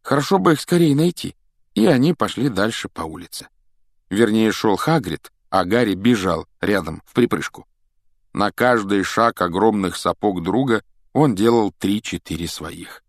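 A man narrating an audiobook in an expressive, animated reading style. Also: lowish voice, measured pace, no echo, studio quality. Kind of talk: scripted storybook narration.

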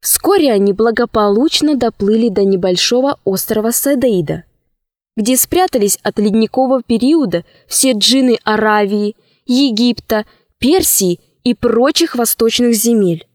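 A woman reads a children's story aloud in a calm, measured way. Her voice is slightly high and unhurried, recorded close and dry with no room sound. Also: no room sound. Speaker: narrator. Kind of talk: audiobook storytelling.

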